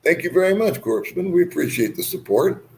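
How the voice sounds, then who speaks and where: A man's voice: high-pitched, sing-song, fairly quick, gravelly, a little mellow, slight background noise. A man hosting a casual livestream, rambling easily as he reads and answers viewer comments with bantering remarks. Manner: rambling, chuckling, easygoing banter. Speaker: livestream host.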